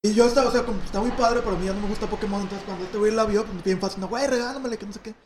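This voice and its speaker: A young Mexican man tells a story among friends, quick and excitable, sprinkled with slang and swearing. His voice sits high for a man, and he rattles along at speed. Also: reverberant, a little hiss or hum. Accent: Mexican Spanish.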